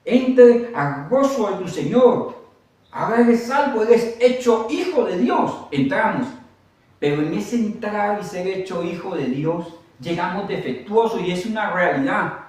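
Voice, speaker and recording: Animated preacher in an echoing hall. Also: male voice, high voice, a little slow. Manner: animated preaching with humorous asides to the congregation. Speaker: pastor. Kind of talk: sermon. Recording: echoey hall, mic at a distance.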